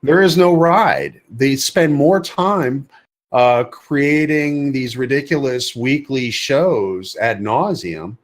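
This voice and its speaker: A man co-hosts an opinionated gaming podcast, heatedly debating a video game. His medium-pitched voice is slow, and he's emphatic, stumbling into sentences and repeating phrases to drive his point home.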